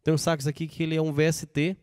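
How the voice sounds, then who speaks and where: A man's voice: a little high, level tone, fast, darkish tone, dry recording. A man from Brazil casually demonstrating keyboard sounds and rhythms, chatting straight to his viewers. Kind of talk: casual product demo. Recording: dry close recording with keyboard music underneath. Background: keyboard music playing.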